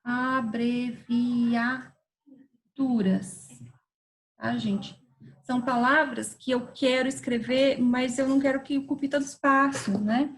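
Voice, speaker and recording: A woman's voice: high-pitched, fairly even intonation, poor audio. A woman teacher, patiently explaining a grammar lesson and checking in with her students as she goes. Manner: patient, spelling words out slowly with frequent "tá?" and "certo?" checks.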